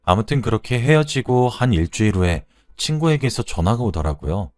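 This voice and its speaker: A man in his late thirties narrates his own story in a calm, reflective, confessional way. His voice sits very low and is recorded dry and close. Soft music plays faintly behind him. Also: a little fast, no room sound. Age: 30s. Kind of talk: first-person storytelling narration. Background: faint background music.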